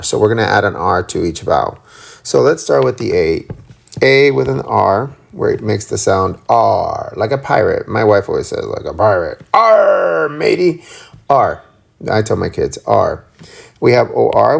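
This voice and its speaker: A man teaching a phonics lesson, slowly sounding out letter sounds and drawing them out. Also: on the low side, gravelly, a little mellow. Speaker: reading teacher.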